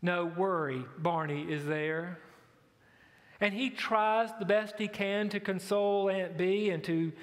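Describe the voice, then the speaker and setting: A man's voice: sits high, slow pace. A man preaching a sermon, telling a story and building to emphatic questions. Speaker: pastor. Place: church sanctuary. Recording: echoey church sanctuary.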